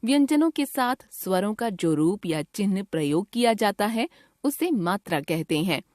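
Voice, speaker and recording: A woman reading a scripted grammar lesson to children, deliberately spelling out sounds one by one. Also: medium pitch, very animated, darkish tone, no room sound, studio quality. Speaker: teacher.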